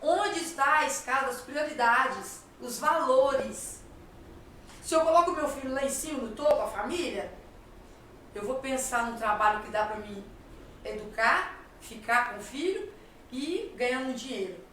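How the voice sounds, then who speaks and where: A Brazilian woman hosts a talk show, giving conversational advice in a Brazilian Portuguese accent, emphatic and fond of repeating phrases and asking rhetorical questions. Her high-pitched voice is a bit bright, with lively intonation and an unhurried pace. She sounds far off in an echoey room, with slight background noise.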